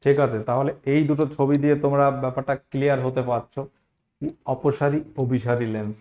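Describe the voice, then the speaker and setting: A man's voice: medium pitch, fairly even intonation, brisk, darkish tone. A man teaching an exam-prep science lesson, explaining step by step, repeating key terms and asking the students questions.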